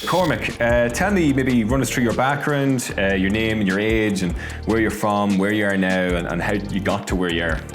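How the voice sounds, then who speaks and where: Deep-voiced Irish man interviewing. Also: normal speed, hardly any pauses, music in the background. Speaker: interviewer, host. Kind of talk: casual interview.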